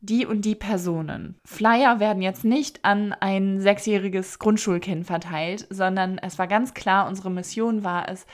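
A woman's voice: medium pitch, fairly even intonation, unhurried, hardly any pauses. A middle-aged German woman hosting a solo podcast, talking in an emphatic, direct way. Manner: emphatic, direct, acts out quoted voices. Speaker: podcast host, copywriter.

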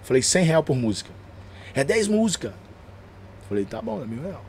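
A man with a São Paulo accent, a gospel rapper and preacher telling stories as a podcast guest, slangy and animated, acting out the dialogue. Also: mid-range voice, normal speed, crowd noise. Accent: São Paulo Portuguese. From São Paulo, Brazil. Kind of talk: casual storytelling chat.

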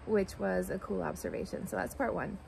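A woman's voice: mid-range voice, animated, brisk, a little mellow. A woman co-hosting a podcast in casual conversation, recorded outdoors in a backyard. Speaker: podcast co-host. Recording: outdoor recording with clear background noise.

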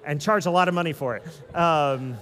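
A man in his thirties preaching a sermon in a casual, animated way, with joking asides to the congregation. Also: a little high, normal speed, slight background noise. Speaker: pastor. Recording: long hall reverb.

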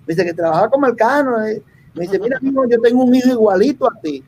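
A man's voice: very high-pitched, fast, slight background noise, rough recording. A man telling jokes on a podcast, acting out the voices of the people in his stories. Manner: animated storyteller acting out quotes. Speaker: comedian.

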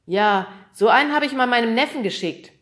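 A woman reading an audiobook, voicing a jovial, joking rich middle-aged man who talks loud and hearty. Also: on the high side, lively intonation, fairly quick, voice pushed up. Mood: jokey.

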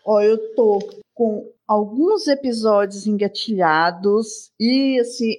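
This sixty-something woman hosts a solo podcast, talking in a warm, chatty way full of tangents. Her pitch is medium and her tone leans dark.

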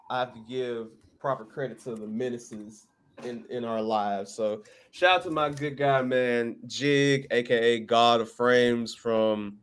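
A man's voice: medium pitch, a bit bright, clean tone. A man hosting a casual podcast, joking and emphatic. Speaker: podcast host.

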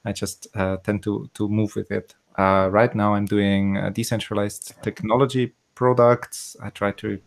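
A man's voice: lowish voice, little pitch movement, normal speed, vocal fry, few pauses. A man, a podcast guest talking casually with many fillers and dry humor over a video call. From Austria.

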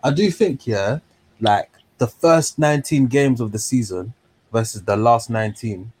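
A man's voice: mid-range voice, a little slow, darkish tone, slight background noise. A man with a London accent hosting a casual discussion in a slangy, conversational way. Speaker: discussion host. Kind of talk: casual chat.

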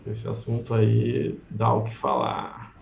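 A man with a gravelly, creaky voice hosts a live book club chat. He sounds relaxed and chatty and reads passages at a slow, deliberate pace. The sound is roomy and a little muffled, as if from a lo-fi setup. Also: fairly low pitch, slight background noise. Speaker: host of an online book club. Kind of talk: casual live-stream chat.

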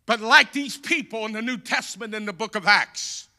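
A man preaching a sermon as pastor, repeating key phrases, rising to shouted peaks and dropping to quiet, conversational asides. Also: high-pitched, moderate pace.

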